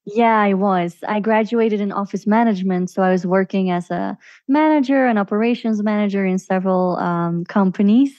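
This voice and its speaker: On a dry, lo-fi recording, a woman speaks at a moderate pace in a medium-pitched, darkish voice. A virtual assistant from Belgium with a Belgian accent, she's a podcast guest giving casual interview answers, chatty and prone to fillers and restarts.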